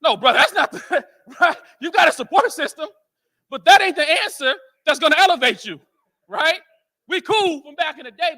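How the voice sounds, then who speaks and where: An American man giving a motivational speech at a men's conference, telling stories animatedly and often checking in with "right?". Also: very high-pitched. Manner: animated storyteller, keeps asking "right?". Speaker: conference speaker.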